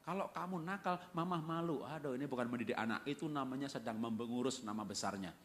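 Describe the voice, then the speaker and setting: A middle-aged man giving a humorous church talk on raising children, acting out family scenes in quick voices. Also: medium pitch. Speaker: church family-life speaker.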